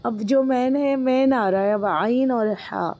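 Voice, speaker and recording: A woman's voice: a little high, darkish tone, highs cut off. A woman teaching Quran recitation. She is patient and encouraging, and drops English words into her talk. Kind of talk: online tajweed lesson.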